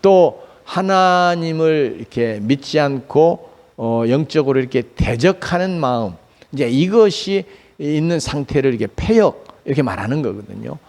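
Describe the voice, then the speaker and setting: A man's voice: fairly high pitch, expressive, normal speed, a little mellow. A man pastor preaching a Sunday sermon, asking rhetorical questions and answering them himself, with frequent fillers. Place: church sanctuary.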